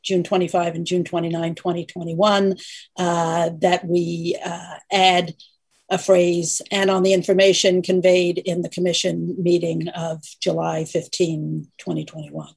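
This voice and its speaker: A woman commissioner making formal meeting remarks in a halting, deliberate way. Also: lowish voice, little pitch movement, vocal fry, darkish tone, breathy edge, no room sound. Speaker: government commissioner.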